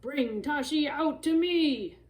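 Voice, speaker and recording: A woman voicing a huge, angry male giant in a storybook read-aloud, bellowing loud threats. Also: high-pitched, takes it slowly, pitched above the performer's own voice. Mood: booming.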